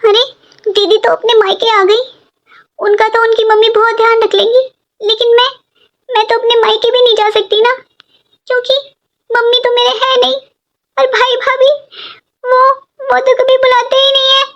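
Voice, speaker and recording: A performer voicing a sad, pregnant young daughter-in-law who pleads and complains softly in a cartoon story. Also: very high-pitched, level tone, normal speed, long pauses, muffled recording, voice pushed up. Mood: plaintive. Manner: plaintive, pleading. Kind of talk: animated cartoon voice acting.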